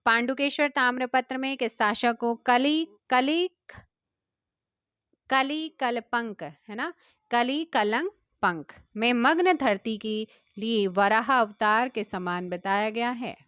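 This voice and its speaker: A woman teacher with an Indian Hindi accent, running a quick quiz-style exam prep lesson, reading questions and answers and urging viewers to comment. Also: fairly high pitch, fairly bright tone, clear, resonant tone, dry recording, clean studio sound. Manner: brisk, quizzing viewers and urging them to comment.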